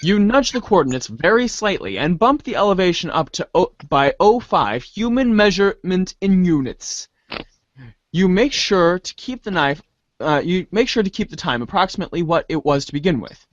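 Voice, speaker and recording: This webcomic reader's theater performer is a man with a high-pitched voice that swings widely in pitch. At a moderate pace he delivers theatrical scripted narration, now and then stumbling and repeating words, in a dry recording lacking high frequencies.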